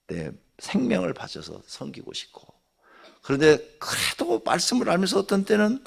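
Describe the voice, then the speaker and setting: An older male pastor delivers an early-morning sermon in a husky, gravelly voice. His pitch climbs and drops with lively energy, and he moves from booming exclamations to near-whispers. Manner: conversational preaching, swings from loud exclamations to near-whispers. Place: church sanctuary.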